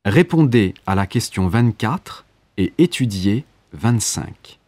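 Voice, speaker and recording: A man with a fairly low voice reads exam instructions very slowly. His delivery is formal and neutral, and the sound is dry, without room echo. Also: expressive, darkish tone. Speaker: exam narrator giving instructions. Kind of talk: scripted test instructions.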